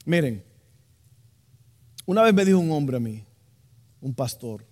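A man preaching a lively sermon as pastor, acting out voices and joking with the congregation. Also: a little high, measured pace, big-room sound.

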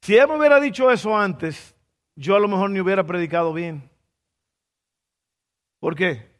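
A man preaching a sermon, telling a story with lively asides and rhetorical questions. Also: high-pitched, normal speed, long reverb tail.

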